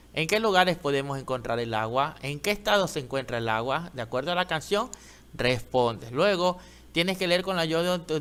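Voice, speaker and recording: Ecuadorian guy teaching little kids phonics, slow and patient, high voice, sounds a bit far from the mic. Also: a bit bright. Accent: Ecuadorian Spanish. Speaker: primary school teacher. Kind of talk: online reading lesson for young children. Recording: echoey room, voice a little off-mic.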